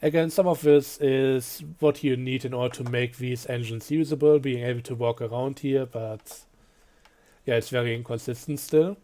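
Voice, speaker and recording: Mellow-voiced man reviewing a train game. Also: mid-range voice, moderate pace. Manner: relaxed, offhand, frequent fillers and dry asides. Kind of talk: casual game review commentary.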